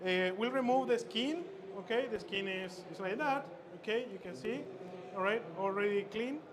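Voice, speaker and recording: Chef instructor from Chile, male, raised pitch, stop-start cooking demo patter over loud expo noise. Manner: halting, many fillers and repeated words. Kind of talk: live cooking demonstration. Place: expo stage. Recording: noisy expo hall ambience.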